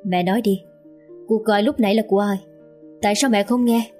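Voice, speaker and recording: A man's voice: high voice, fairly even intonation, brisk, a little mellow, faint music behind, lightly acted. A woman voicing a hot-tempered young man who speaks curtly and threateningly to his mother. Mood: angry. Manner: curt, demanding and threatening.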